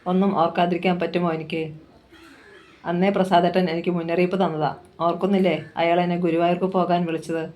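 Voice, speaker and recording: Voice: mid-range voice, little pitch movement, brisk, darkish tone, muffled recording, close to an everyday voice. Heartbroken young woman, as a storyteller reads her. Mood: subdued. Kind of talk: audiobook novel reading.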